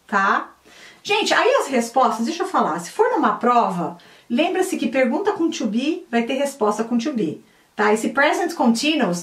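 Woman, high voice, teacher, chatty, slow drilled repetitions, roomy echo. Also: fairly bright tone. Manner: chatty, repeats drills slowly. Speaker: English teacher. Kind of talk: casual online lesson. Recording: echoey room, mic at a distance.

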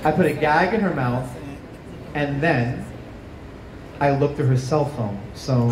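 Stand-up man on a rooftop stage. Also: a little slow. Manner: animated, rising to high yelps on punchlines. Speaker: stand-up comedian. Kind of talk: stand-up comedy set. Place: small outdoor rooftop stage with plants. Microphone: handheld mic. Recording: distant camera, roomy echo, noisy ambience. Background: live audience laughter.

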